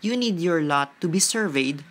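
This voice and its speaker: A woman's voice: lowish voice, lively intonation, normal speed. A woman hosting a gardening vlog, narrating outdoors on a farm lot in a friendly, explanatory way. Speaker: gardening vlogger.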